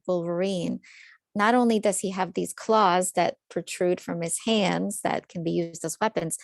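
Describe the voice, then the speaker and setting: A woman in her thirties from Ukraine speaks in an earnest storytelling way, slipping in light jokes. Her voice sits a bit low and has a gravelly edge. The sound is dry, with no room echo. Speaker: psychologist presenter. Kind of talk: webinar talk.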